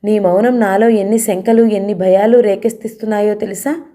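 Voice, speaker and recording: A man's voice: sits high, fairly even intonation, moderate pace, mellow, lightly acted. A woman reading the part of a stern older uncle who scolds and interrogates his nephew. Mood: accusing.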